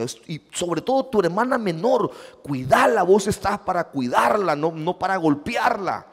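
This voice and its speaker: A man's voice: high-pitched, big-room sound. A man, a pastor with a Salvadoran Spanish accent, preaching a sermon and acting out the dialogue of his stories. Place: church sanctuary.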